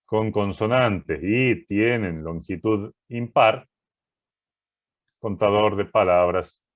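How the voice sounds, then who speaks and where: A man's voice: lowish voice, takes it slowly, lo-fi sound. A man teaching a programming class, walking through code step by step and often checking that students follow. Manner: methodical, keeps checking understanding with "¿sí?".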